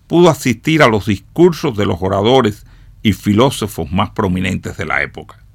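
A man, a radio educator, telling a motivational story to his listeners in slow, emphatic declamation. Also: mid-range voice, creaky, a bit bright, dry recording, studio quality.

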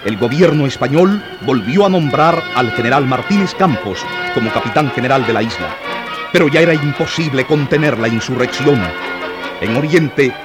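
A man giving dramatic scripted narration of historical events for a radio drama, in a solemn, heightened manner. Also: mid-range voice. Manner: solemn, rising to heightened intensity in battle passages. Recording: narration over loud music.

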